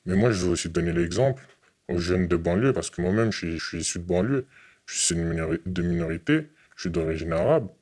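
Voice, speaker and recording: Very deep-voiced young man, halting. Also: animated, darkish tone. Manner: halting, repeats words, earnest. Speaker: interviewee. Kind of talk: testimony in an interview.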